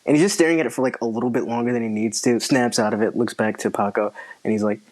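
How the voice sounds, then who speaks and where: A man's voice: mid-range voice, steady tone, quick pace, a little mellow. A man playing a tabletop game, describing his character's actions loosely with lots of fillers. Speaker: player. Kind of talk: casual game chat.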